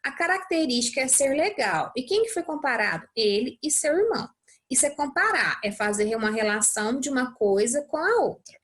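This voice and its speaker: A woman's voice: high-pitched, sing-song, a little fast, a bit bright. A young adult Brazilian woman teaching English, explaining a worksheet step by step and often checking in with her students. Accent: Brazilian Portuguese. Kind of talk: recorded lesson walkthrough.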